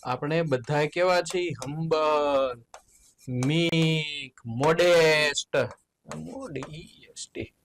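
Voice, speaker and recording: Gujarati-accented male teacher, slightly high voice, slow deliberate exam walkthrough with playful asides. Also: gravelly, slight background noise, rough recording. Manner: slow, explains words with spelled-out letters and playful asides; lively, jumps in pitch on key words. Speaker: English teacher. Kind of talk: exam solution lesson.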